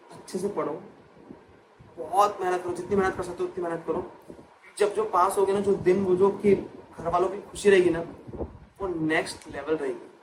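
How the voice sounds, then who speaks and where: A young man, a chartered accountant and exam coach, tells a personal story in an emotional vlog. He repeats phrases for emphasis and mixes English words into his talk. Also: high voice. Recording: noisy background.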